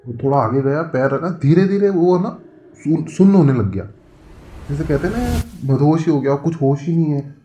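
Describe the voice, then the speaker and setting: A man's voice: fairly high pitch, expressive, moderate pace, dark tone, a little hiss or hum. A man hosting a horror podcast, casually retelling a friend's account in a conversational way. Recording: roomy, muffled recording.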